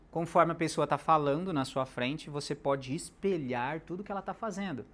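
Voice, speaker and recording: A man giving a live sales lecture, animated, shifting loudness and pace for emphasis and throwing questions at the audience. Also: a little high. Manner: talks directly to the audience with questions.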